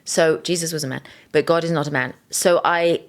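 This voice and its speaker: A woman's voice: low-pitched, fairly even intonation, brisk. A woman podcast host and singer-songwriter telling an earnest, openly emotional faith story, restarting her sentences often. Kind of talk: personal faith testimony.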